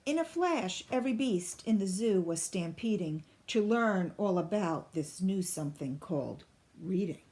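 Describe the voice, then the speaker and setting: A woman reading a children's picture book aloud in an expressive, deliberate storybook style. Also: medium pitch. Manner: deliberate, clearly phrased storybook delivery.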